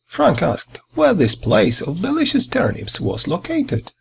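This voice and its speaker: A man narrates a children's fairy tale in an unhurried way, his storyteller's voice husky and gravelly yet fairly high in pitch. He reads with dramatic expression.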